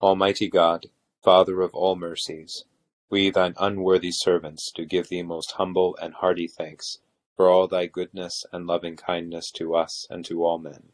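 Very deep-voiced man reciting liturgy. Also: level tone, moderate pace. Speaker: officiant leading evening prayer.

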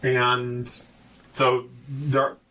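Guy playing a tabletop rpg, casual chat, bright voice, little bit off mic. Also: mid-range voice, monotone, very slow, far from the mic, rough recording. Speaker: tabletop game player.

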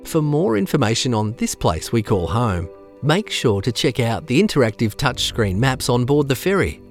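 A man narrating a scripted podcast in a nature documentary style, with a measured, informative delivery. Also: medium pitch, big pitch swings. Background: background music.

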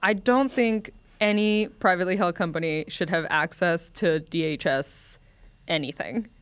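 A woman's voice: fairly low pitch, unhurried, fairly bright tone, clear, resonant tone, no echo. A woman co-hosting a podcast, speaking bluntly and with strong opinions. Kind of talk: casual discussion.

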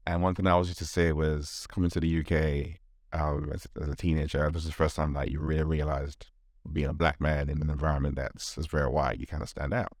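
A man from Nigeria who grew up in Britain, hosting a podcast interview in a relaxed, conversational way. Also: rumbling low, fairly quick, no echo, studio quality. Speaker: podcast host.

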